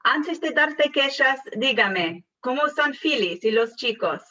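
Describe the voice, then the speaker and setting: A woman's voice: high voice, animated, slow, pushed and bright, heavily acted. A woman reading the part of a worried, scolding mother calling her son in a scripted dialogue. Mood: nagging. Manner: scolding, nagging, full of complaints. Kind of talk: read-aloud scripted dialogue. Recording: far from mic, dull lo-fi sound.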